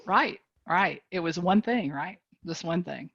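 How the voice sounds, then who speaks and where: A woman with a North Carolina accent, talking in a folksy, animated way as a guest on a video call. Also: on the low side, measured pace, vocal fry, husky, dry recording, muffled recording. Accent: Southern US, North Carolina. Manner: folksy, animated, laughs often. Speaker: guest speaker, business leader. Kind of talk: casual motivational chat on a call.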